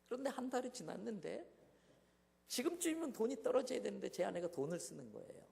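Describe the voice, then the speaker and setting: A man preaching a revival sermon as a guest pastor, telling a personal story with dramatic swings from hushed asides to loud exclamations. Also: high-pitched, big pitch swings, fast, gravelly. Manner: dramatic, swings from hushed to shouting in acted quotes. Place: church sanctuary. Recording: long church hall reverb.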